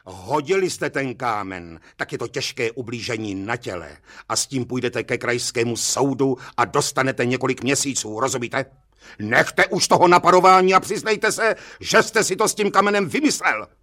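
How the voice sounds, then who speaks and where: A man voicing a short-tempered district judge who scolds loudly in a storybook reading. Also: medium pitch, natural voice. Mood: scolding. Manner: barking, scolding. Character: irritable shouting male district judge.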